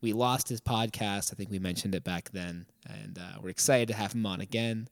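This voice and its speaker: A man's voice: fairly low pitch, fairly quick, creaky, no room sound, studio quality. A man hosting a podcast in casual chat, talkative, laughing often and swearing casually. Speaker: podcast host.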